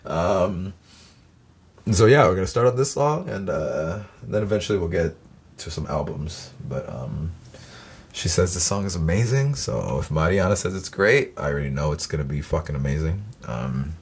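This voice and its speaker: A young man rambles casually to his viewers before a music reaction, swearing freely and laughing between thoughts. His voice sits low with a husky edge, and his pitch swings widely as he talks. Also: lively intonation, normal speed. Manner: rambling, loose, swears a lot, laughs easily. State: has hiccups.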